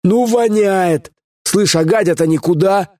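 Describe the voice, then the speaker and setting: A crude, menacing gang boss with a husky, raised voice that swings all over the place, as a male audiobook reader puts him on. He barks orders and scolds in a bullying, gruff way. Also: sits high, sing-song, normal speed, voice pushed up, full character voice. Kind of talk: audiobook character voice.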